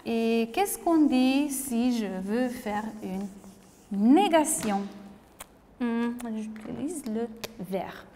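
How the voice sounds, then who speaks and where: A woman teaching a language lesson slowly and patiently, spelling word endings letter by letter, with frequent pauses and hesitations. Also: on the high side, expressive, dark tone, long reverb tail, slight background noise. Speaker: French teacher. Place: room with a board.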